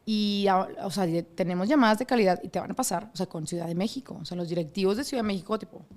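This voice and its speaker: A woman's voice: mid-range voice, quick pace. A woman, a radio host telling her story as a guest in a casual interview and acting out other people's voices. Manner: animated, acts out quoted voices.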